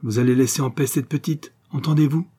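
A man's voice: medium pitch, normal speed, mellow, slightly rough, natural voice. A man reading aloud and voicing an anxious, plain older woman who pleads earnestly in a storybook. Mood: anguished. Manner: earnest pleading, rising to outcry.

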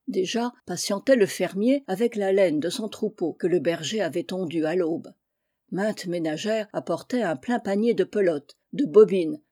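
A woman reading a storybook tale aloud, expressive, voicing the villagers in turn. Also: mid-range voice, dry recording, studio quality. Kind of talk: read-aloud storybook narration.

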